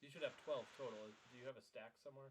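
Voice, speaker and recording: A man's voice: medium pitch, very fast, slightly rough. A man at a board game night, explaining rules and scoring to the other players. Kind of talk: casual game-night chat.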